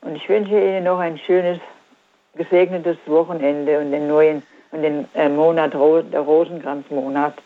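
An older woman calling in to a radio show, asking her question hesitantly and haltingly over the phone. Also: low voice, steady tone. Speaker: caller. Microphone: telephone. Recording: tinny phone line.

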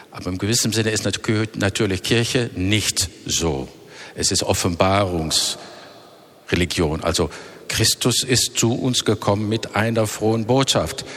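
A man in his fifties speaks German with a Dutch accent, his voice very low. He answers interview questions slowly and reflectively, often searching for words and restarting phrases. A long reverb trails behind each phrase. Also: fairly bright tone. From Netherlands.

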